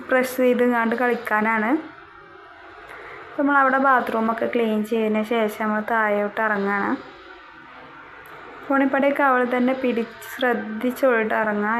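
A young woman talks through her daily chores in a relaxed, chatty voice-over, her voice sitting a little high. She keeps tagging a small word onto the end of her sentences. A faint household hum sits behind her. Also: poor audio. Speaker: vlogger.

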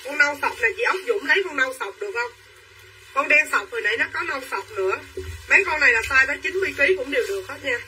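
A young woman selling clothes on a livestream, talking quickly and pushing viewers to claim items. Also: high-pitched, expressive, bright, forceful tone, far from the mic, a little hiss or hum, poor audio. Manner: quick and pushy, urging buyers to claim items. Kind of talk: live-selling chatter to viewers.

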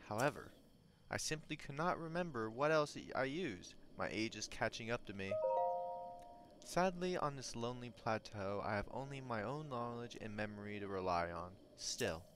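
A man reading a lonely old hermit's lines in a slow, earnest, theatrical voice. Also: medium pitch, expressive, a bit bright, soft background music, natural voice. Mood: wistful. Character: lonely old male hermit, gentle and wistful. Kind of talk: reading game dialogue in a put-on voice.

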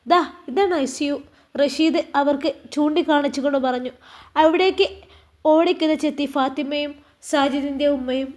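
High-voiced Malappuram woman telling a story. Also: darkish tone. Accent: Malappuram Malayalam. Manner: emotional, voices characters in dialogue. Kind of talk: storytelling, narrating and voicing every character.

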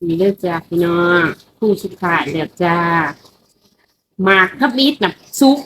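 A woman's voice: on the low side, expressive, normal speed, noisy background. Chatty Lao woman food vlogger. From Laos. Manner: chatty, keeps addressing viewers as brothers and sisters. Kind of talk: casual food vlog.

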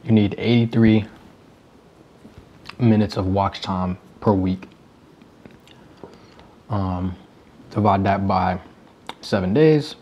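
A man's voice: lowish voice, darkish tone, slightly rough, muffled recording. Man chatting while eating cereal. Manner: casual, wry, talks while eating cereal. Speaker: YouTuber. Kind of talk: casual vlog commentary.

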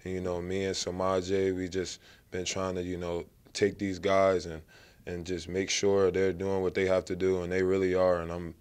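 Young male athlete, very deep, flat and smooth, relaxed "you know" delivery. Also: normal speed. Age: young adult. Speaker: college basketball player. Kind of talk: post-game interview. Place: press backdrop at an arena. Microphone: handheld mic held by interviewer.

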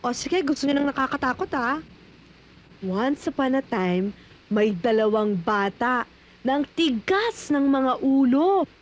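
A woman's voice: high-pitched, animated, measured pace. A woman telling children a spooky tale, teasing and building suspense. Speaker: storyteller to children. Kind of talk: playful scary storytelling.

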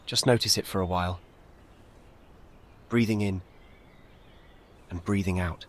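A man with a fairly low voice reads a scripted guided meditation calmly and evenly, offering short, gentle, soothing instructions. Faint birdsong and outdoor nature sounds play behind him, with slight background noise.

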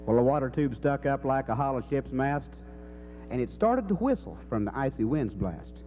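This middle-aged cowboy poet from Kansas recites his verse live on a dark indoor stage, using a stand-mounted microphone. His mid-range voice carries a folksy cowboy drawl, a warm tone, lively intonation, and normal speed. The audio is poor, with faint noise and hum.

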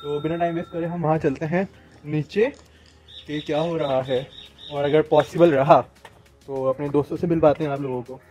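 A man's voice: fairly high pitch, moderate pace, highs cut off, over music. A young man from Pakistan with an Urdu accent, talking casually to a handheld camera on a rooftop outdoors. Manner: relaxed, explaining plans to camera. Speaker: vlogger. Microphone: handheld phone selfie camera.

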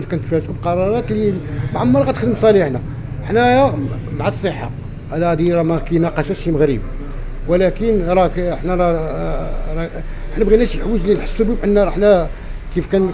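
Moroccan man, forties, Casablanca accent. Rapid, emphatic, aggrieved interviewee, slightly muffled recording with faint noise. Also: high-pitched, mellow. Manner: emphatic, aggrieved, repeats himself. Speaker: café owner being interviewed. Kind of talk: street interview, spontaneous complaint. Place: inside a small café, behind the counter. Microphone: handheld reporter microphone.

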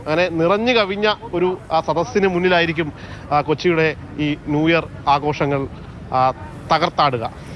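A man with a Kerala accent reporting live as a TV field reporter, pausing often on drawn-out fillers. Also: fairly high pitch, steady tone. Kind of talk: live news report and street interviews. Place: outdoors at a festival ground. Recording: dull outdoor audio, loud street noise.

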